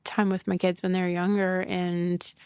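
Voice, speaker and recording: A woman's voice: fairly low pitch, flat delivery, a little slow, a little mellow, clear, resonant tone, dry recording, clean studio sound. A middle-aged woman hosting a podcast in casual solo talk, candid and emotional, laughing often and swearing, full of "like" fillers. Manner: emotional, confessional. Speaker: podcast host.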